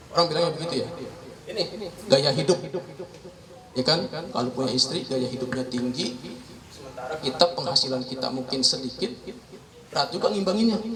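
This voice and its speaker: A man gives a chatty legal outreach talk at a neighborhood meeting. He keeps addressing the audience as "Pak" and acts out quoted speech. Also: sits high. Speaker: legal counselor. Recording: echoey room, distant mic, crowd noise.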